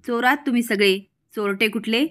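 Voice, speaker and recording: A woman's voice: on the high side, fairly quick, fairly bright tone, lightly acted. Spoiled rich girl, snapping at the servants, read by a woman. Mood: scornful. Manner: scolding, insulting. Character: haughty young rich woman, rude to servants.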